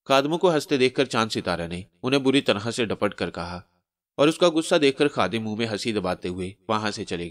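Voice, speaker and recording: A man narrating a fantasy horror story in a steady storytelling manner. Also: lowish voice, no echo, studio quality.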